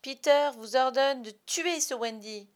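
A woman's voice: high voice, unhurried, voice pushed up. Tinker Bell, a spiteful little fairy voiced by a woman. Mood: commanding. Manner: sharp commanding orders. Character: jealous spiteful tiny female fairy. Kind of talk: storybook reading.

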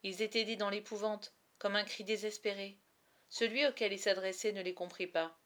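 A woman reading a novel aloud chapter by chapter, with expressive, dramatic storytelling. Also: medium pitch, normal speed. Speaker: reader.

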